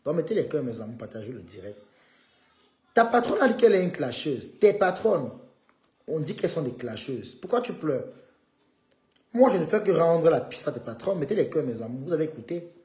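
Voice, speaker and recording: A man's voice: on the high side, sing-song, fairly quick, darkish tone, echoey room. A man hosting a live stream, needling a rival and calling on his viewers in a combative way.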